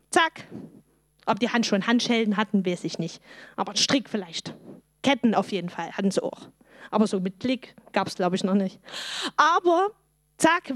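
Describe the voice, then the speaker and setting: A woman, telling a Bible story to children in a lively way and asking them questions. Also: fairly high pitch, no room sound, clean studio sound.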